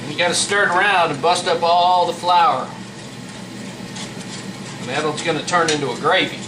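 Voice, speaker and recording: A man's voice: on the high side, normal speed. Folksy man over noisy fan hum. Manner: folksy, plain-spoken. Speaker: home cook presenting a recipe. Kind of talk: casual cooking demonstration. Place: indoor kitchen with a running fan. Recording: roomy, noisy fan hum, distant mic. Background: fan noise.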